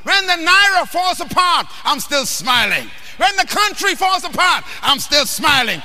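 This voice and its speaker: A man preaches a sermon with a very high voice, pressing his listeners with questions and breaking into shouts. He speaks slowly and sounds very bright. The voice rings out with the long reverb of a large hall. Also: big pitch swings. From Bahamas. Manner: emphatic, questioning the audience, often shouting.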